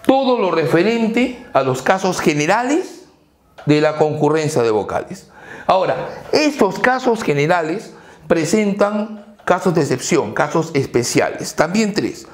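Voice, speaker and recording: A man's voice: a little high, very animated, a little slow. A man teaching a language lesson for entrance exams, drilling examples and answering his own questions. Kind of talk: exam-prep lecture. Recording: echoey room.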